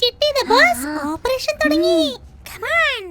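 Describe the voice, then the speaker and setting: A woman's voice: extremely high pitch, slow, heavy background noise. A woman voicing Chitti, a brave and eager little cartoon heroine who talks cheerfully and gives orders. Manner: cheerful and commanding. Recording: loud music behind voice.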